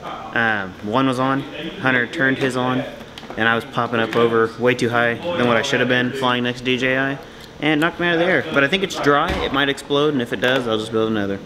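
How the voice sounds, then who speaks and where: A man's voice: mid-range voice, fairly quick, a crowd in the background. A man chatting casually outdoors as a drone pilot, in a rambling, easygoing way. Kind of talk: casual chat. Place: outdoors on a farm.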